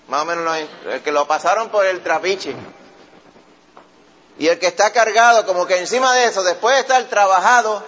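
A man preaching a sermon, telling stories lively and calling his listeners brother. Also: high-pitched, slight background noise. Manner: lively storytelling preaching, acts out voices; addresses listeners often as brother. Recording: dull lo-fi recording.

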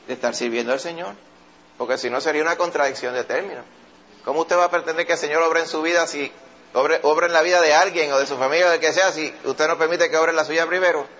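A male preacher delivers a sermon in a lively, storytelling way, often calling out to his brother listeners. His voice sits a bit high. The recording sounds dull and lo-fi.

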